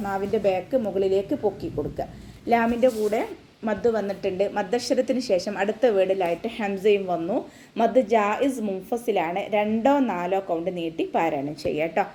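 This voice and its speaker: A woman's voice: mid-range voice, a little fast, warm tone, a little hiss or hum. A woman teaching an online recitation class, explaining pronunciation rules step by step in a patient voice.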